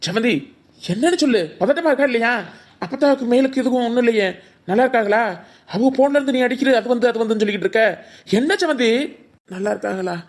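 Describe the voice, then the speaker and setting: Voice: medium pitch, fast, pauses often, natural voice. A performer voicing a worried young village husband in a cartoon, with a Tirunelveli Tamil accent and a flustered, questioning manner. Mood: alarmed. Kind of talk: cartoon voice acting.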